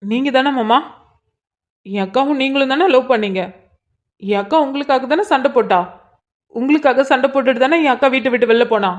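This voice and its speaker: A woman's voice: high voice, a little fast, long pauses, natural voice. A woman voicing a curious, probing young man in a storybook cartoon, often thinking aloud. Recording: dull lo-fi sound.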